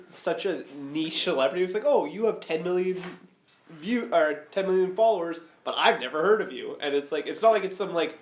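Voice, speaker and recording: Rambling slightly high-voiced man. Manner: rambling, full of filler likes. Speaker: podcast co-host. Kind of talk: casual chat. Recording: roomy echo.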